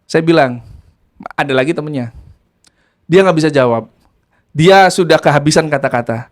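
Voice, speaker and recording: A man who practices ruqyah telling a story in a casual, animated way, moving between hushed and excited delivery. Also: fairly high pitch, moderate pace.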